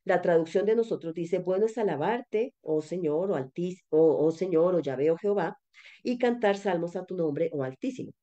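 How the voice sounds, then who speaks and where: A woman with a low, mellow voice teaches an online class, working through each point methodically and often pausing to restart a phrase. The audio is dull and slightly lo-fi, as from a webinar call. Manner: explanatory, methodical, with many fillers and restarts. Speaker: biblical studies lecturer. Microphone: webinar call microphone.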